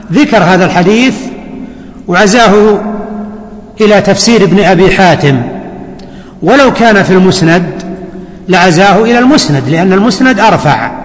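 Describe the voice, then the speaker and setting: A man teaching a hadith lesson as a scholar, deliberate and repeating key words for his students. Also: high voice. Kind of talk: classroom commentary lecture. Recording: long hall reverb.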